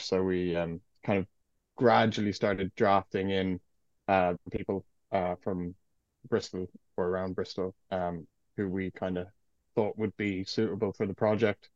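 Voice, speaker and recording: A man with a west of Ireland accent speaks in a fairly low voice, chatting like a band member being interviewed. He is easygoing and jokey. The sound is dry and a little dull. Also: darkish tone, dry recording. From County Clare, west of Ireland. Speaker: guest, guitarist and vocalist in a metal band. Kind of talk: casual podcast interview chat.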